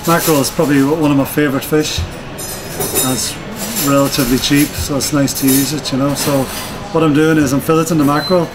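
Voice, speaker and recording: A man's voice: fairly high pitch, steady tone, brisk. A man, a chef and restaurant owner raised in Donegal, explaining his dish in an easy, enthusiastic way. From born in Dublin, raised in Donegal, Ireland. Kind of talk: casual interview. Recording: clear background noise.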